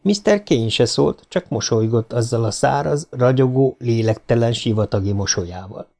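A man narrating an audiobook in an even, measured storytelling manner. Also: mid-range voice, creaky. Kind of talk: scripted narration.

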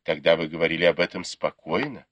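A man voicing a gentle young maidservant in an audiobook, coaxing and a little plaintive. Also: sits low, fast talker, no room sound, highs cut off. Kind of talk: audiobook character reading.

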